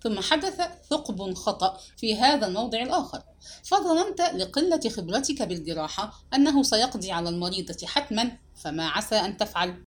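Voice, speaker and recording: A woman voicing a calm, cold male police investigator in an audiobook reading, questioning a suspect. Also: medium pitch, fairly quick, natural voice. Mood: cold, accusing.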